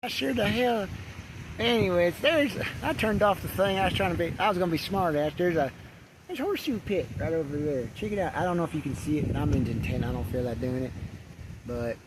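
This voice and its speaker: A man's voice: fairly high pitch, lively intonation, brisk. An older man vlogging outdoors at a campsite on a handheld camera, rambling and profane, stumbling over restarts. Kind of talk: rambling casual vlog. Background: faint wind and birds.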